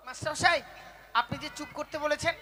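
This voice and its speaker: A man's voice: very high voice, fairly even intonation, fast talker, pushed and bright, full character voice. A man playing a whiny schoolboy who keeps bursting into folk song, in a comedy sketch. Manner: whiny, breaks into folk singing. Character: whiny sing-song schoolboy pupil, male. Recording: echoey hall reverb, faint music.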